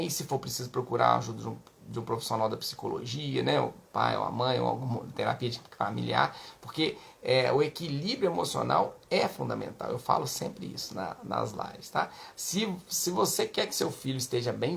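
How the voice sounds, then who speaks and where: A man's voice: medium pitch, brisk, few pauses. A man with a Brazilian Portuguese accent, a pediatrician giving parenting advice in a chatty way, full of tag questions. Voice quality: creaky. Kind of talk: casual advice talk.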